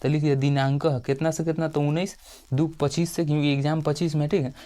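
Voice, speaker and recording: Tired soft-spoken Bihari teacher. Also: male voice, on the high side, level tone. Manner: speaks slowly and softly, keeps repeating "okay". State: tired late at night. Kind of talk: tutorial lesson dictating a letter format.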